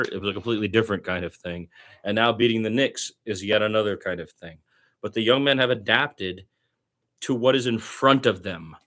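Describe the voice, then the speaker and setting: A partisan fan calls basketball play-by-play in amateur radio style, using short clipped phrases and throwing in opinionated asides. His voice is lowish and a bit bright.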